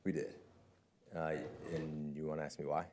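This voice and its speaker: Deep-voiced football coach at a press conference. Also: male voice, monotone, moderate pace, a little mellow, a little hiss or hum. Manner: candid, conversational, often asks "right?". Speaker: defensive coordinator.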